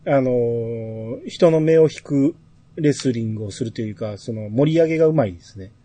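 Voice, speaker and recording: A man's voice: medium pitch, normal speed, dark tone. A man chatting casually as the host of a podcast. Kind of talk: casual chat.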